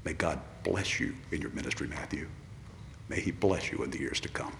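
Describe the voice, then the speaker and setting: With a bass voice that is brisk, creaky and a bit bright, a man preaches an earnest ordination sermon in a large church whose long reverb fills the recording, along with a little hiss or hum. He keeps coming back to his refrains and acts out quoted voices.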